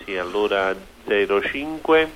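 A man's voice: fairly low pitch, animated, a little slow, a bit bright. A middle-aged man with a Neapolitan accent chatting casually as a caller to a live show. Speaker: phone-in caller. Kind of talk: casual chat. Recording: phone-in line with background noise.

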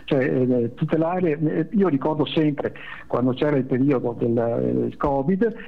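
Male phone-in guest on speakerphone, indignant, halting delivery, narrow phone-line sound, mid pitch. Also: gravelly. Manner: indignant, stammering restarts. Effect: on speakerphone over a phone line.

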